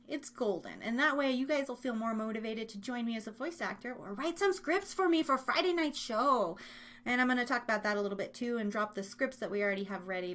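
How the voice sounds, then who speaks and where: An American woman with a high, slightly bright voice rambles informally and bubbly with her listeners while hosting a live online radio show and podcast.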